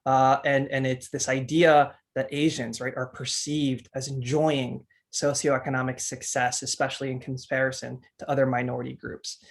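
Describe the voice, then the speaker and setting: Co-hosting a webinar, an American teacher in his thirties presents a discussion with earnest effort, frequent restarts, and plenty of fillers. He speaks in a gravelly, flat, medium-pitched voice at normal speed, hardly pausing.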